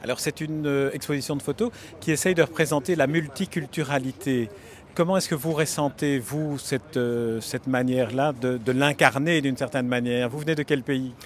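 A man's voice: mid-range voice, steady tone, normal speed, slight background noise. A male reporter interviewing people outdoors at a city station, asking questions with frequent small restarts. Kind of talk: field interview.

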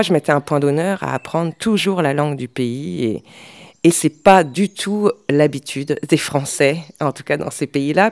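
A woman's voice: low voice, a little mellow, no echo. A middle-aged woman speaking as an interview guest, in a hesitant way with frequent fillers and restarts. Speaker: guest, language specialist. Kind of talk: conversational interview.

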